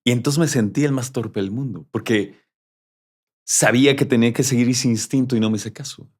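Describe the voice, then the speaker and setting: A man, a journalist speaking as an interview guest. He tells his story with animation, slips into the voices of the people he quotes, and talks at a mid pitch. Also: brisk, breathy edge. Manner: animated, acts out quoted dialogue.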